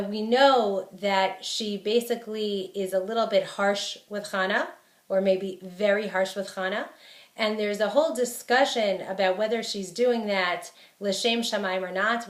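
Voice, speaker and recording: A woman's voice: mid-range voice, reverberant. A woman teaching a Torah lecture. She explains verses in plain terms and stresses points through repetition.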